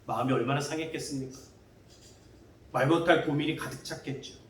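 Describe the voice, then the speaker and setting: A man's voice: fairly high pitch, a little fast. A male pastor preaching a sermon, asking the congregation questions and acting out what scoffing neighbors might have said. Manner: asks the congregation questions, acts out neighbors' taunts. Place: church sanctuary. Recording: echoey church hall from far off.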